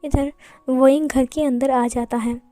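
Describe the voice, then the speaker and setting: High-voiced woman telling a story. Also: fairly even intonation, unhurried, warm tone, no room sound, faint music behind. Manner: chatty narration. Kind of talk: fan fiction storytelling.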